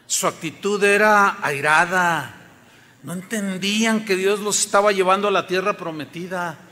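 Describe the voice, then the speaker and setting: A pastor with a high-pitched, pushed and bright voice preaches emphatically to his congregation at normal speed, often putting questions to them. He is in a church sanctuary, and the recording carries the long reverb of a large hall.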